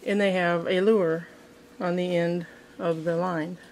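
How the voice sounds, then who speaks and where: Flat-voiced woman showing a fishing craft. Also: lowish voice, a little slow, slight background noise. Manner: relaxed, thinking aloud with frequent ums and restarts. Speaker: fishing craft video host. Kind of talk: casual how-to demonstration. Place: indoors at a wooden table.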